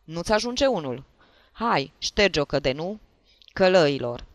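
Man voicing a shouting jealous husband. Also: a little high, sing-song, no room sound. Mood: furious. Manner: shouting, scolding. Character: tipsy jealous husband, blustering, bullying. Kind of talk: audiobook character voice.

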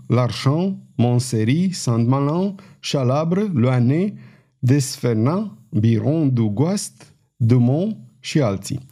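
A man reading an audiobook with expressive, even storytelling narration. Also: mid-range voice. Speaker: audiobook reader. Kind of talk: scripted narration.

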